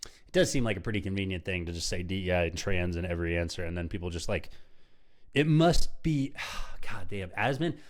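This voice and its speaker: A man's voice: sits low, quick pace. A man streaming live, giving heated, profane, sarcastic commentary while reacting to videos.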